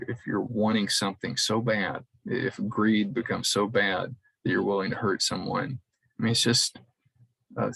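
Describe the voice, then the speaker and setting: A man preaching a conversational sermon in a church, halting often and repeating words as he restarts his sentences. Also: on the low side, vocal fry, a bit bright, husky, dry recording, poor audio.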